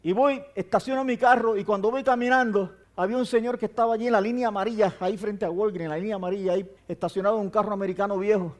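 A man's voice: high-pitched, steady tone, fast, few pauses. An older man, giving a personal testimony as a preacher and acting out the dialogue in his story.

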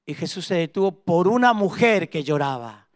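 A man's voice: sits high, expressive, normal speed, dry recording, clean studio sound. A man pastor delivering a sermon, telling a story and then leading the congregation in fervent prayer. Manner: fervent preaching, builds to emphatic prayer.

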